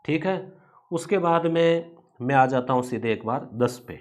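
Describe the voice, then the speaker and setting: A man's voice: medium pitch, measured pace. A male teacher giving an exam coaching lecture, chatty and informal, repeating rhyming memory tricks.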